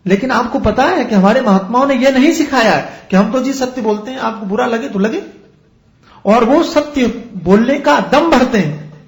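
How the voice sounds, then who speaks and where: A man's voice: extremely high pitch, normal speed, roomy sound. A man who is a spiritual teacher, giving a discourse and explaining with everyday examples and rhetorical questions.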